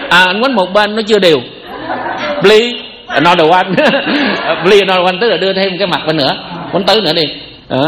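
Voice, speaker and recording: A man with a Southern Vietnamese accent giving a Buddhist sermon, chatty and joking, tossing rhetorical questions at his listeners. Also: high voice. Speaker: Buddhist teacher. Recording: echoey hall.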